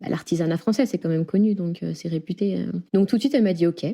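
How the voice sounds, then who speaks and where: Fast-talking woman, dark voice. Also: on the low side. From France. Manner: chatty, many fillers, laughs often. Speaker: guest. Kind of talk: casual interview chat.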